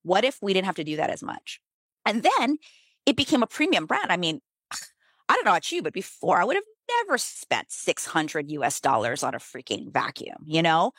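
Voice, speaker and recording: An American woman, a business author, is the guest in a casual conversational interview. Her low, husky voice is animated and a bit fast, full of fillers and emphatic jumps in pitch, captured on a dry recording.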